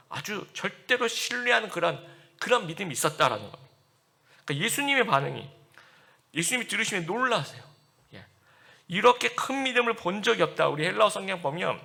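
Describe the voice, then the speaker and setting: A man's voice: a little high, vocal fry, pushed and bright. A man preaching a Sunday sermon as pastor, explaining scripture in a conversational way, with asides to the congregation and acted-out quotes. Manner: acts out quoted speech in the passages he reads.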